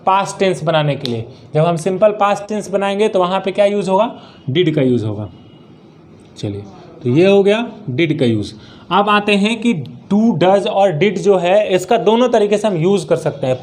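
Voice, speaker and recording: A man teaching an English grammar lesson, who asks the class questions and then answers them himself, and reads his example sentences out slowly. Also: high-pitched, darkish tone. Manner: slow, drawn-out reading of example sentences. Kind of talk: grammar lesson explained in Hindi.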